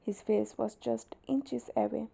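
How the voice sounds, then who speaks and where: Woman with a heavy vocal fry, narrating. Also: on the high side, steady tone, unhurried, dark tone, muffled recording. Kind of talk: scripted fan fiction narration.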